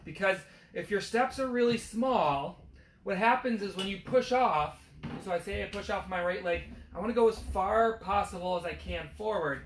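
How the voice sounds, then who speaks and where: A man in his thirties, a physical therapist who is losing his voice, explaining running form in a casual talk with many fillers while standing on a treadmill. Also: high-pitched. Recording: echoey room with faint background noise.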